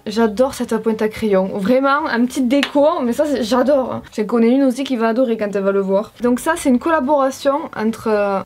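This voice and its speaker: A young woman from France chatting excitedly through a makeup haul, bubbly and playful with lots of asides. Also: fairly high pitch. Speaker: beauty vlogger. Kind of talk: casual haul vlog.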